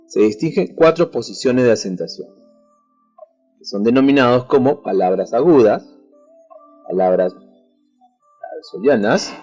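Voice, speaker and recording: A man with a Peruvian Spanish accent teaches a school lesson on the radio, explaining each point slowly and speaking to the students directly. His voice is mellow and a little husky. The sound is dull and lo-fi, with faint music underneath. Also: lowish voice. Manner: clear, deliberate explaining, addressing students directly.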